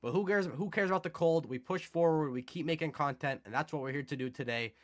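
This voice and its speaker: Guy with a stuffy nose from a cold, slightly high voice, casual chatty game commentary, repeats stuff for emphasis. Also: quick pace. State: has a cold. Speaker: video game content creator, host.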